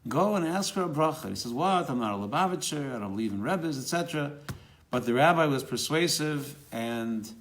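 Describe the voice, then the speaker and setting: Guy telling a story, mid pitch, gets lively on the quotes, some uhs and restarts. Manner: animated, rising for quoted dialogue, with fillers and restarts. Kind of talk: spoken storytelling.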